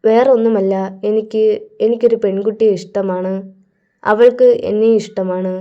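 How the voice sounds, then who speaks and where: A woman's voice: medium pitch, fairly even intonation, moderate pace, dull audio, close to an everyday voice. A woman voicing an earnest young man in love who speaks in an insistent, pleading way.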